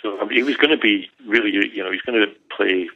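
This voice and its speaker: An older man with a very low voice and a rough, crackling edge tells a story with a dry sense of humour. He wanders and backtracks as he goes. The sound is narrow and tinny, like a phone line. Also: quick pace, bright, forceful tone. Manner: rambling, self-correcting, wry. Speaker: interview guest. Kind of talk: relaxed anecdotal storytelling.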